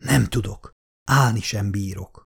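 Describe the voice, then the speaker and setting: A man's voice: mid-range voice, animated, natural voice. A man voicing an ailing elderly male billionaire in an audiobook, speaking weakly between gasping breaths. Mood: faint. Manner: weak, gasping, hushed.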